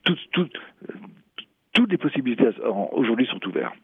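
A man in answers interview questions haltingly, searching for words and repeating himself. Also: medium pitch, big pitch swings, gravelly, a little hiss or hum. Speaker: property developer, executive interviewee. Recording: thin phone-like sound.

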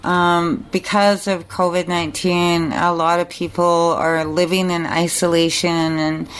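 A woman's voice: fairly low pitch, flat delivery, measured pace, smooth. A woman hosting a community radio interview, asking questions hesitantly with many fillers. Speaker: radio host.

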